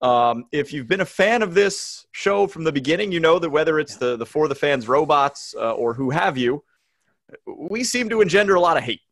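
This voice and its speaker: A man's voice: a little high, expressive, normal speed, fairly bright tone, no echo. A man co-hosting a podcast from a small home studio room, bantering in a teasing, mock-outraged way. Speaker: podcast co-host. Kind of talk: casual chat.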